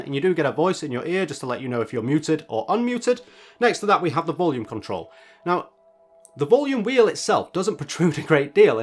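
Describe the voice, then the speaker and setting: A man presenting a product review in a casual, chatty narration with wry asides. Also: fairly high pitch.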